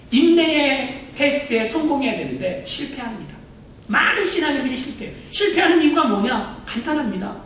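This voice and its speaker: High-pitched preacher in an echoey hall. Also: male voice, slight background noise. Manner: preaching with big swings in pitch and loudness, acting out voices in the stories. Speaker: pastor. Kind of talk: sermon. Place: church sanctuary. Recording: echoey church hall from far off.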